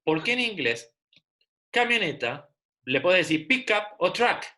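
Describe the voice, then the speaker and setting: A man's voice: sits high, sing-song, measured pace, bright, forceful tone. A middle-aged man with an Argentine Rioplatense accent teaching a class over a video call, chatty and full of rhetorical questions. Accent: Rioplatense Spanish. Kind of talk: online class lecture.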